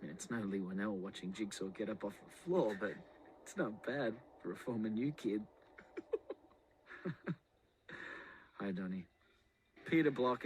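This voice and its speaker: A man's voice: mid-range voice, fairly bright tone, a little hiss or hum, rough recording. A man recording a joking film commentary, full of sarcastic, mock-insulting banter. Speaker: filmmaker on a commentary track.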